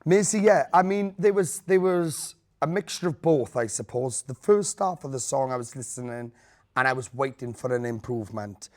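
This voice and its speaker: A man's voice: medium pitch, normal speed. A man judging a talent show, speaking in a direct, encouraging way as he gives feedback and asks questions. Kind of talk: spoken audition feedback and questions.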